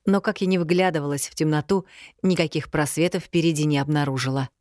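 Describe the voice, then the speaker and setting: Low-voiced woman narrating a fairy tale. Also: fairly even intonation, brisk, a little mellow, no room sound, studio quality. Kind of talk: first-person audiobook narration.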